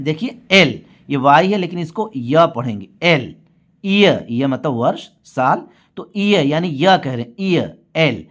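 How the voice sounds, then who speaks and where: Patient man teaching letter sounds. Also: on the high side. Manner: patient, repeats each example word slowly; often asks the viewer to notice and checks agreement. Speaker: English teacher. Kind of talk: spoken classroom lesson.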